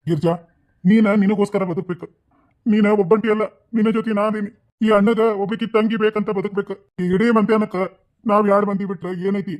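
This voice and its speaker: A man's voice: high-pitched, fairly even intonation, brisk, close to an everyday voice. A man voicing a kind, protective widowed village landlord in a cartoon, speaking in an earnest, reassuring way with a North Karnataka Kannada accent.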